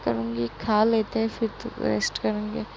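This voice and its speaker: A woman's voice: on the high side, monotone, normal speed, creaky, slight background noise, poor audio. A woman voicing a shy, tender young woman.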